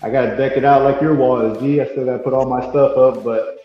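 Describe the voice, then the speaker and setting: A man's voice: steady tone, fast talker, warm tone. A man chatting casually as a podcast co-host over a video call, his voice ringing with big hall echo from a half-empty new room. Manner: easygoing, loose and chatty. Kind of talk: casual fan chat. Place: newly painted room still being set up. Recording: booming hall echo, dull lo-fi sound, faint music.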